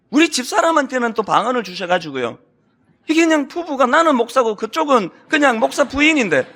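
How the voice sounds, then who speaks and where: Animated, bright-voiced male pastor preaching. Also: very high voice. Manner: animated storytelling with acted quotes and sudden hushed drops. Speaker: senior pastor. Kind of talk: sermon. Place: church sanctuary.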